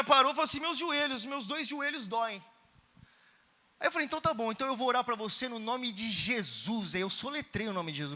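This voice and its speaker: A male preacher tells a story in a conference sermon, acting out the dialogue and shouting at the peaks. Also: very high voice, a little hiss or hum. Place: large church hall. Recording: reverberant church hall.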